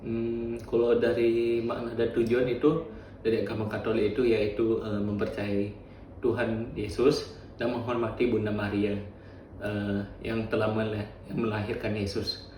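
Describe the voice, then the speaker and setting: Flat-voiced young man, far off. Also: fairly low pitch, echoey room, a little hiss or hum. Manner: halting, with many fillers. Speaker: interviewee. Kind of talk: casual interview answers.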